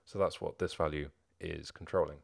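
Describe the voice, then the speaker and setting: A young man narrating a screen-recorded coding tutorial, explaining each step in a steady, methodical way. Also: rumbling low, normal speed, creaky. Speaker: programming tutorial host.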